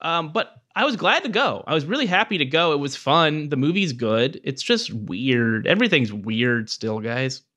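Male podcast guest. Fairly high, animated voice, cheeky and crude comedic chat. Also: moderate pace, hardly any pauses. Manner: crude, joking.

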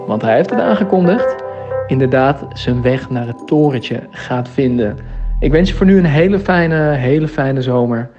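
A man, a podcast co-host, leaving a relaxed, dryly teasing voicemail message for his co-host. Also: mid-range voice, normal speed, faint music behind. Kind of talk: casual chat. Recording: dull lo-fi voicemail audio.

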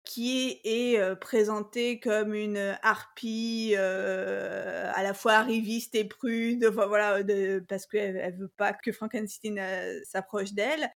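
A woman co-hosting a casual podcast about musicals, hesitant with many fillers and quick to laugh. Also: medium pitch, level tone, vocal fry. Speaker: podcast co-host.

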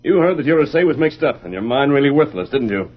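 A noble masked cowboy hero, earnest and commanding with a husky mid-range voice. The style is radio western drama, heard through a dull old recording. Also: male voice, mid-range voice, very animated, fast talker. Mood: firm, earnest.

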